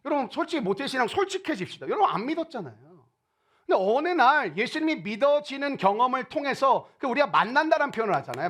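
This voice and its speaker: Lively high-voiced male pastor preaching. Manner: animated, acts out quoted people in playful voices. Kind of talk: sermon.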